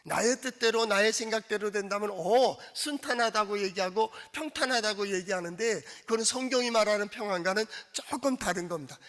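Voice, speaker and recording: A man preaching a sermon as pastor. He asks the congregation questions and acts out quoted speech in a soft, coaxing tone. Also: sits high, a little fast, few pauses. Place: church sanctuary. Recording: long church hall reverb.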